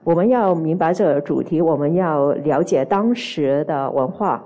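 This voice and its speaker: Lady interpreting a sermon line by line, lowish mellow voice, lots of "ah" and "er". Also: normal speed, muffled recording. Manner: hesitant, fills gaps with "ah" and "er" while translating.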